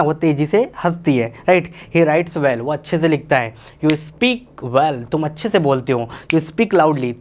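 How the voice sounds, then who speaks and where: A man teaching English grammar, explaining slowly and translating each example sentence, often calling his viewers "bhaiya". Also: a little high, darkish tone. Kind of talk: Hindi-English grammar lesson.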